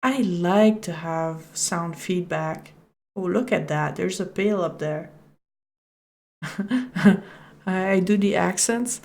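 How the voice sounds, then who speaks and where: A French Canadian woman with a French first language chats with viewers as she plays, reading on-screen text along the way. Her voice sits low and has a gravelly, fry-tinged edge. She jokes easily between lines. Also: slow pace, pauses often, darkish tone. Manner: chatty, joking, chatting with viewers. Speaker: game streamer. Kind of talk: casual let's-play commentary and reading game text aloud.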